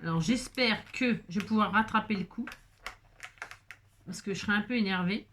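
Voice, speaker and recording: A woman's voice: medium pitch, moderate pace, fairly bright tone, slight background noise. A woman talking casually while making a card, chatty and self-mocking with frequent exclamations. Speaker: crafting vlogger. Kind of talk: chatty crafting tutorial.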